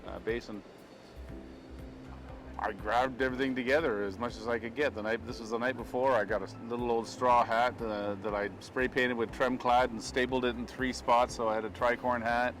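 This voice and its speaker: A man's voice: medium pitch, steady tone, moderate pace, a bit bright, soft background music. An older Canadian man telling anecdotes in a casual interview, with a rambling, folksy way of talking. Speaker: town crier being interviewed. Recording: clear outdoor street and vehicle noise.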